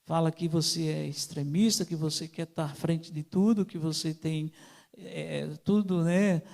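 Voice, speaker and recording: High-voiced Brazilian preacher, conversational. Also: male voice, steady tone, measured pace, creaky, a little mellow. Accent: Brazilian Portuguese. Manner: conversational, many fillers, addresses listeners as brothers. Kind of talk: informal sermon.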